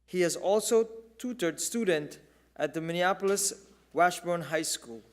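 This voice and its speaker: A male presenter reads a scripted introduction in a measured, formal way. His voice sits a bit high. He keeps an even, ceremonial pace. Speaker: event presenter.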